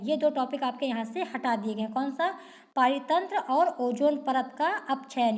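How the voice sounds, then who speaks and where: A woman teacher going through a school syllabus for students, asking questions and answering them herself. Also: sits high. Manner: repetitive rhetorical questions, answered at once.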